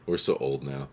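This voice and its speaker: A man's voice: rumbling low, slight background noise. A man in his forties telling long, profane stories in casual chat while he streams a game. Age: 40s. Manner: profane, rambling storyteller who acts out voices.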